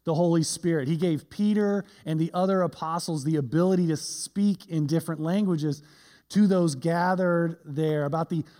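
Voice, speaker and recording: A man's voice: a little high, moderate pace, mellow. A male pastor giving a conversational sermon with self-deprecating humor, often tagging his points with "right?".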